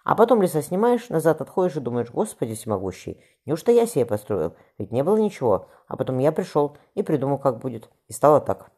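A man voicing a stern, thoughtful older master architect who speaks gruffly and instructively. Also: a little high, very animated, quick pace, hardly any pauses, warm tone, exaggerated voice.

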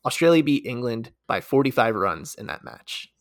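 An American man co-hosting a casual talk show, leading the segments with lively, fact-filled explanation. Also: medium pitch, moderate pace, dry recording, clean studio sound. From United States. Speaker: podcast co-host.

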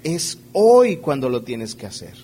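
Pastor with a higher voice. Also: male voice, very animated, measured pace, dark tone, a little hiss or hum. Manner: checks in with the audience through frequent rhetorical questions; playfully acts out everyday scenes while preaching. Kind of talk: conversational sermon.

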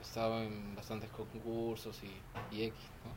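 A man's voice: lowish voice, monotone, a little slow. A man speaking as a musician guest in a casual, informal interview chat. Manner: joking, informal. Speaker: band vocalist, podcast guest. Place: outdoor home terrace. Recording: noisy outdoor terrace ambience.

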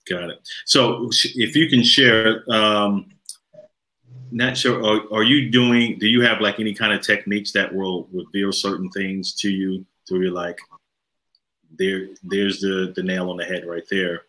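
Deep bright-toned man interviewing. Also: fairly even intonation, measured pace, poor audio. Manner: rambling, loosely phrased questions. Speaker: podcast interviewer. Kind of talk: conversational podcast interview.

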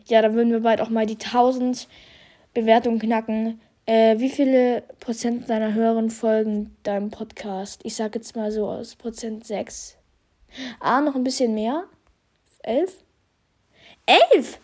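A young podcast host with a slight head cold sounds congested and stuffy as he chats casually through a year-in-review, reading out statistics in youthful slang. The voice is mid-range and warm.

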